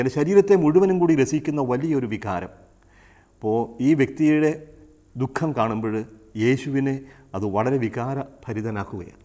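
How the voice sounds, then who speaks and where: An earnest male preacher giving a gentle sermon reflection. His voice sits in an ordinary middle register. He rises on key phrases and sinks to quiet, hushed repeats. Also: mid-range voice. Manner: earnest, builds up then drops to soft hushed repeats.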